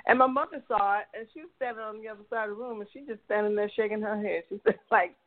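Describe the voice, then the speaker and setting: A woman guest in an interview, telling a personal story in an animated way and acting out what her family said. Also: mid-range voice, quick pace. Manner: animated, acts out family quotes. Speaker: guest researcher. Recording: tinny phone-line sound.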